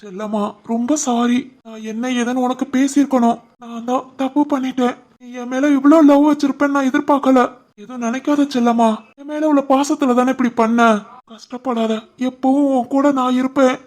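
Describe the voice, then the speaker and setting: A woman voicing a gentle young village man in an animated drama, soft and comforting, with a Tirunelveli Tamil accent. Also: sits high, brisk, pitched below the performer's own voice, close to an everyday voice.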